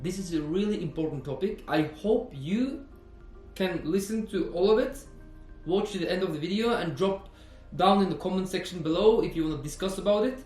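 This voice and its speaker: A man's voice: high-pitched, lively intonation, brisk, a little mellow, soft background music. Man, twenties, earnest fitness vlog, echoey room. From Norway. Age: 20s. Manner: earnest, repeats himself, frequent "you know". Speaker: personal trainer.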